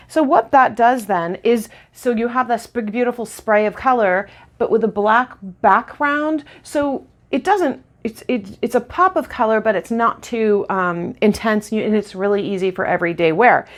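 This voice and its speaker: A woman demonstrating lash techniques in a casual tutorial, chatty and relaxed with lots of ums and restarts. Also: fairly high pitch, a little slow, hardly any pauses. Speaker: lash artist instructor.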